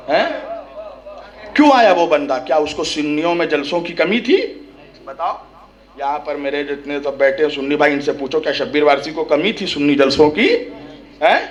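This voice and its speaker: High-voiced man preaching with fiery rhetorical questions. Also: animated, normal speed, long pauses. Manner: rhetorical questions with a repeated "hain?" tag; rises to shouting at climaxes. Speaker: religious orator at a mourning gathering. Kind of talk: impassioned religious speech.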